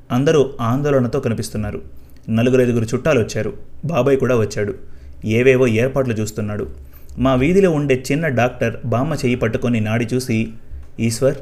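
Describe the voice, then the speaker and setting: A man narrating a first-person story in a quiet, even storytelling way. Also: medium pitch.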